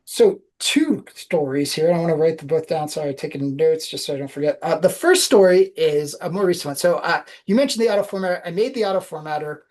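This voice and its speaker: A woman's voice: low-pitched, quick pace, hardly any pauses, a little mellow. A woman guest on a podcast, telling reflective anecdotes in a casual interview.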